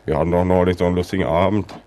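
Man putting on a deep-voiced, deadpan drinking buddy over the phone. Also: racing, close to an everyday voice. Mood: deadpan, familiar. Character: chummy male drinking buddy, slow and persistent. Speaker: prank caller. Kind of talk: deadpan prank phone call.

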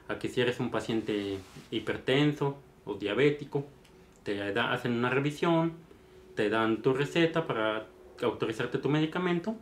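Mexican guy vlogging, rambling story, mid pitch, echoey room. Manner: chatty, meandering, tag questions. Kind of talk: casual storytelling. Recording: roomy echo.

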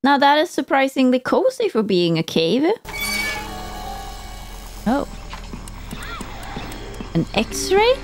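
A woman giving casual running commentary on a movie, talking straight back to the screen with little exclamations. Her voice is a bit high and very lively in pitch, yet she speaks slowly. The film's music plays underneath her. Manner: chatty, exclaiming, talks to the screen. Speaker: movie reaction host. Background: movie audio with music.

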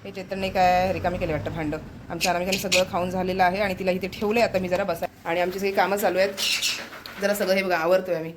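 Fast-talking woman vlogging at home. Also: on the low side, little pitch movement, background noise. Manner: chatty, addressing viewers directly. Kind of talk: casual home vlog narration.

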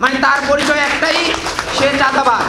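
A man's voice: very high voice, fairly even intonation, a little fast, echoey room, heavy background noise. A young man, a student speaker, urging listeners in an impassioned speech into a handheld mic at an indoor meeting.

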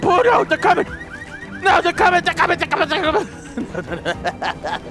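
Excitable male gaming host, very high pitched, shouts and curses constantly, over game music. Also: normal speed. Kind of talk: frantic gameplay commentary.

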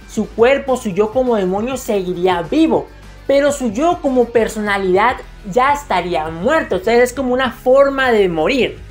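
A woman narrating casual anime commentary in a slangy, jokey way with crude humor. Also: fairly high pitch. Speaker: anime video essayist. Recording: faint music under the voice.

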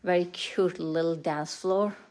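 She talks unhurriedly in a fairly low, slightly mellow voice with a steady tone. A middle-aged real estate agent, she narrates a casual, unscripted tour while walking through a house, praising it brightly, and captures it on a handheld phone.

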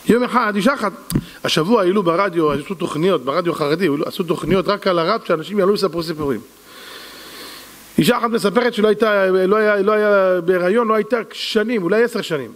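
Guy giving a sermon full of stories, acts out the people in them, echoey hall. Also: high-pitched. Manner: animated storyteller, voices quoted people, addresses audience as "gentlemen". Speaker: rabbi giving a lesson. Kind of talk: storytelling sermon. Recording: reverberant hall.

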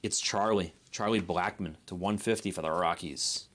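A man's voice: deep voice, moderate pace, fairly bright tone. A man hosting a live card break, giving easygoing running commentary and second-guessing how to pronounce names. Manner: easygoing running commentary, unsure of name pronunciations.

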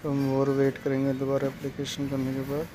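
Over some background noise, a man with a medium-pitched, completely flat voice talks a little fast as he narrates a salon tutorial on a hair coloring job. He explains plainly and goes through the steps one by one, repeating them.

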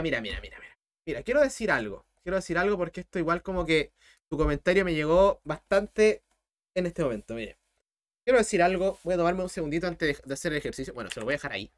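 Young Chilean male tutor, high voice, blunt, fired-up livestream talk. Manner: blunt, impassioned, talks fast. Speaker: math tutor streamer.

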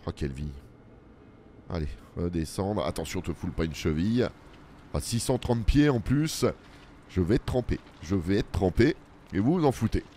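A man with a fairly low voice talks his way through a video game in a loose, chatty commentary. He mutters running remarks to himself as he plays, and he keeps turning to his viewers with self-mocking asides. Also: expressive, normal speed, dark tone, a little hiss or hum. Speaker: let's play host. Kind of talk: casual gameplay commentary.

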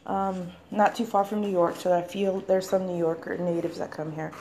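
A young woman with a slightly low voice wanders room to room, chatting loosely and filling every pause with "like". She holds her phone in her hand while she talks. Faint handling noise sits under her voice. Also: steady tone, a little mellow. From Washington DC area. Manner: rambling, with many "like" fillers. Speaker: vlogger. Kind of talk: casual house tour vlog. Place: apartment indoors, walking room to room. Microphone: handheld phone camera.

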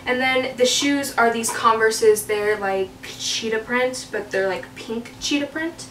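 A woman's voice: fairly high pitch, a little slow, fairly bright tone, slight background noise, poor audio. A young woman chatting casually as a vlogger into a handheld camera. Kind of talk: casual vlog chat. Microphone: handheld camera, sometimes at a distance. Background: music.

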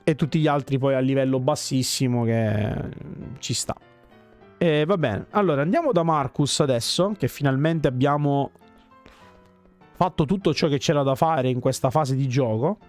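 A man hosting a casual gameplay video, chatting and thinking out loud as he plays. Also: mid-range voice, moderate pace, faint music behind. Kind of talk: casual let's-play commentary.

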